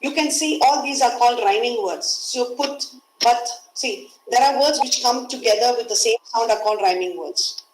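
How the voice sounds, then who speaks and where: A woman's voice: fairly high pitch, moderate pace, a little hiss or hum. Indian woman teaching on an echoey call. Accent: Indian English. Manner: explains patiently, repeats key words. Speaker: English teacher. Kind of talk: webinar lecture. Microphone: video call.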